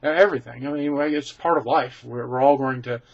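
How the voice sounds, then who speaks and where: Speaking to his webcam from home, a man rambles chattily through viewer questions, frank and self-deprecating, with many ums and restarts. His mid-pitched voice is a little fast with vocal fry, and the sound is slightly dull and lo-fi.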